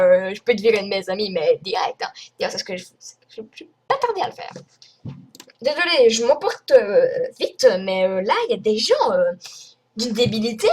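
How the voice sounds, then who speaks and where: A woman's voice: on the high side, a little hiss or hum. A young woman from France ranting to her viewers in a rambling, indignant way, full of fillers. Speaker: vlogger. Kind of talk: casual screen-recorded rant.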